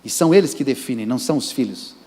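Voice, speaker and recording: Racing through his sermon, a Brazilian Portuguese-speaking pastor speaks emphatically and directly to the congregation. His voice has a medium pitch, an animated delivery, and a warm tone, and the church sanctuary adds reverb.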